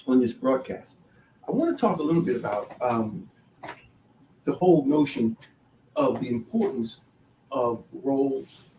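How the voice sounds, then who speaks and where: A man hosting a solo talk show, halting with many restarts, then building to emphatic, sermon-like declarations. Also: medium pitch, darkish tone, slight background noise. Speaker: podcast host. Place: DC, Maryland, Virginia area. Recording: echoey room, voice far from the mic.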